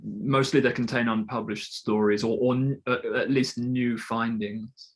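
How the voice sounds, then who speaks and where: A man's voice: medium pitch, fairly even intonation, unhurried. A man in casual conversation, reflectively and loosely explaining how he works. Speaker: guest storyteller.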